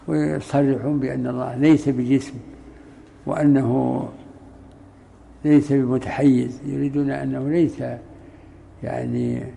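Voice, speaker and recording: A man, a sheikh in a mosque, giving a creed lecture in a measured way, with pauses and restarts. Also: medium pitch, creaky, dark tone, slight background noise, poor audio. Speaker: sheikh explaining a text.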